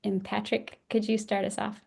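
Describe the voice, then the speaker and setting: A woman's voice: medium pitch, level tone, normal speed, creaky, a little mellow, slightly rough. A woman moderating a webinar panel, asking questions in a friendly, informal way over a video call.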